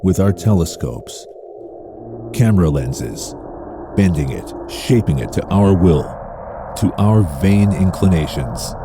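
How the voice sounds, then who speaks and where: A man with a deep voice delivers scripted dramatic narration. He is solemn and deliberate, like a narrator on a spoken-word album. Clear background noise sits behind him. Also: expressive. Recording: noisy background ambience.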